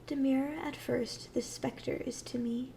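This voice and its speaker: A woman plays a gentle, ancient tree dryad in a tender fantasy ASMR roleplay, speaking slowly and soothingly in a high, very creaky voice with fairly even intonation. Her delivery is soft, breathy, and often close to a whisper, with a dreamy, tender mood and slight background noise.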